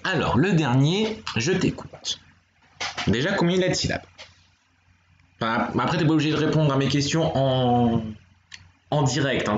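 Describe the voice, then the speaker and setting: A man's voice: mid-range voice, slight background noise. A man teaching Korean letters on a live stream, explaining step by step and talking to his viewers. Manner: patient, explanatory, talks to chat viewers. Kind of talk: live-streamed language lesson. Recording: dull, roomy home stream audio.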